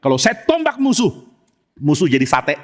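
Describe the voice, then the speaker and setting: A man's voice: a little high, wildly swooping pitch, normal speed. A man voicing a stoic, loyal spear soldier who answers in short, plain replies. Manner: terse matter-of-fact answers. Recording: echoey church hall.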